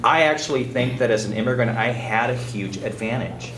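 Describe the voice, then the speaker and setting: A man's voice: medium pitch, fairly quick, a bit bright. A man from Guatemala, a city supervisor, speaking earnestly on a panel and often restarting his phrases. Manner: earnest, personal, repeats words when starting phrases. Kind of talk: panel discussion remarks. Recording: roomy, distant public-address sound with faint noise.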